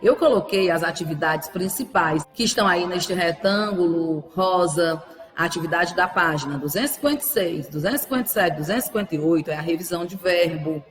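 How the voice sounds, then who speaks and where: Brazilian teacher in an echoey room. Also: female voice, lowish voice, brisk, soft background music. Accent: Brazilian Portuguese. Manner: patient, didactic, asks rhetorical questions; affectionate, uses diminutives with pupils. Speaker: primary school teacher. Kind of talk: recorded remote grammar lesson for children.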